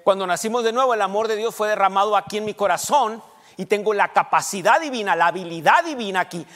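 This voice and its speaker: A man preaching a sermon as pastor, quizzing the congregation and rushing through bursts of speech. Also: sits high, fairly bright tone, big-room sound. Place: church sanctuary.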